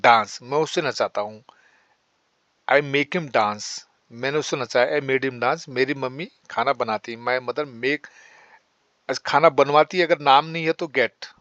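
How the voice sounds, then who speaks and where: A man teaching spoken English, explaining in Hindi and saying English sentences slowly. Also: medium pitch, a bit bright, no echo, muffled recording.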